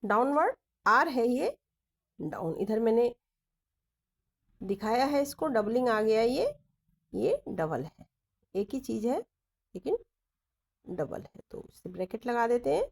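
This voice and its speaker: A woman teaching shorthand, going through each letter slowly and repeating the strokes as she writes them. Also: a little high, big pitch swings, creaky, breathy edge. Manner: deliberate, repeats letters and directions while writing. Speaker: stenography teacher. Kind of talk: slow step-by-step lesson explaining shorthand strokes.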